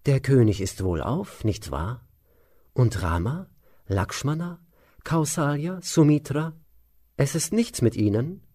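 A man voicing a gentle queen who asks anxious questions. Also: mid-range voice, lively intonation, slow, pitched above the performer's own voice. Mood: worried. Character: alarmed but gentle queen, woman.

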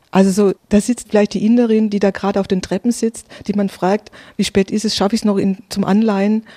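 A speaker giving a calm, earnest personal spiritual testimony in an interview, often pausing and repeating words while searching for them. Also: medium pitch, no room sound. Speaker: interviewee sharing spiritual experiences.

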